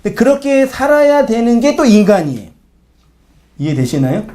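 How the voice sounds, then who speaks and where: A male pastor with a very high, mellow voice and big pitch swings preaches a sermon conversationally at a normal speed. He often questions the congregation and acts out short quoted lines in changing voices.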